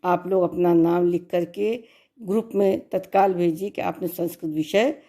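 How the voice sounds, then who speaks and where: A woman's voice: lowish voice, fairly even intonation, normal speed, warm tone. A woman teacher giving a recorded class lesson, patiently dictating answers and repeating key points for students to copy.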